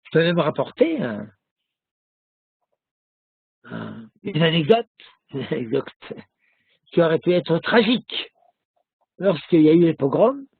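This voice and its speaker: Slow, gravelly man teaching a lesson. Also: a little high, no room sound, narrow, tinny audio. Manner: slow storytelling with many hesitations. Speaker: rabbi teaching a class. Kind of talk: recorded religious lesson.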